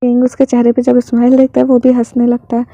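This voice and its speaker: A woman reading a fan fiction story aloud in a plain, unhurried way. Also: on the high side, completely flat delivery, warm tone, no room sound.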